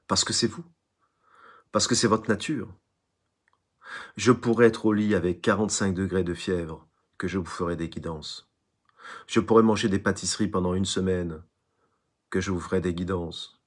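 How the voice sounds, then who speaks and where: A man's voice: low-pitched, steady tone, moderate pace. A man giving an online spiritual lecture, emphatic, who repeats phrases and tells little stories. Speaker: spiritual teacher.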